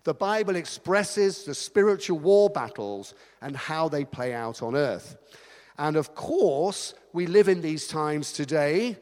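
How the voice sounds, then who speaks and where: Chatty pastor in a reverberant hall. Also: male voice, fairly high pitch, expressive, slow, darkish tone. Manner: chatty, self-mocking, bursts into song. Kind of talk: sermon. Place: church hall.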